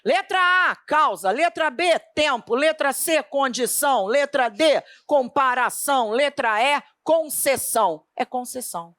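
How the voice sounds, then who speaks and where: A middle-aged woman with a Brazilian accent teaching a Portuguese grammar lesson for an exam, emphatic and lively, asking questions and then answering them herself. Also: sits high, measured pace, hardly any pauses, no echo, clean studio sound. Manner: animated, emphatic, asks and answers her own questions.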